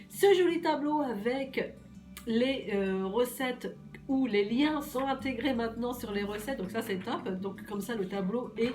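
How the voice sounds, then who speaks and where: A woman from Normandy with a hoarse voice from a cold, chatting casually and reassuringly to her viewers about a weekly menu, with many fillers and repeats. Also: fairly high pitch. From Normandy, France. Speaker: weight-loss menu vlogger.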